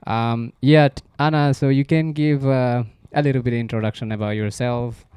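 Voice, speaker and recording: A man with a Maldivian accent hosting a podcast interview, asking questions in an unhurried, friendly way. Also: mid-range voice, fairly even intonation, darkish tone, clean tone, no room sound. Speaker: podcast host.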